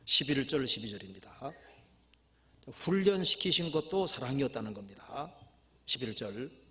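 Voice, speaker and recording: Male pastor, middle-pitched voice, slow emphatic scripture reading, plain teaching in between. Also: big pitch swings, pushed and bright. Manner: reads scripture slowly and emphatically, then explains in plain talk.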